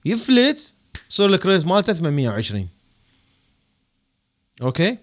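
A young man with an Iraqi Arabic accent hosting a casual podcast, talking about money in an animated, joking way with emphatic bursts. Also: mid-range voice, fast. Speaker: podcast host giving money advice.

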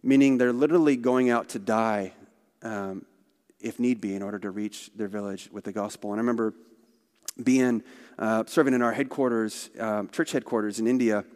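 A man's voice: fairly low pitch, moderate pace, darkish tone. A man speaking for a missionary organization, telling stories in a conversational church talk with asides. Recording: long hall reverb.

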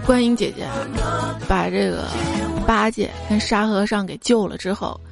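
A woman's voice: mid-range voice, normal speed, creaky, over loud music. A woman telling comic jokes in a chatty, playful storytelling manner. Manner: chatty, playful joke delivery.

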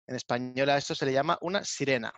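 A man's voice: mid-range voice, fast talker, fairly bright tone, no echo. Male co-host, explainer, plays with sound effects; dry, slightly muffled recording. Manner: explanatory, imitates sounds playfully. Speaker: Spanish teacher podcast co-host. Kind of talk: casual teaching chat.

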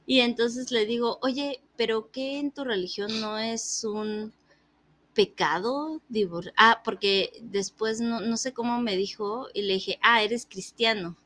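A woman's voice: on the high side, measured pace. Woman in her 30s telling a story, acts out the dialogue, laughs a lot. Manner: animated, acts out quoted dialogue, laughs often. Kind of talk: casual storytelling chat.

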